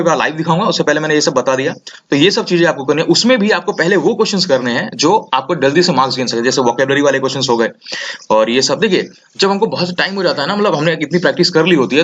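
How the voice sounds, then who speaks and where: A young man tutoring exam students in a casual, energetic way, often checking in with "theek hai". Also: on the high side. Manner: energetic, repeats "ठीक है" often. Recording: slightly dull lo-fi audio.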